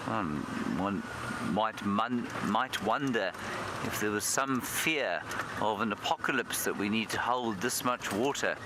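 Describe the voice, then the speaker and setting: Wry man talking over loud outdoor noise. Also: on the low side, unhurried. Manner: dry, wry, grandiose wording. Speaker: safari guide presenting a live show. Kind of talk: casual live wildlife commentary. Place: outdoors in a safari vehicle. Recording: loud wind and vehicle noise.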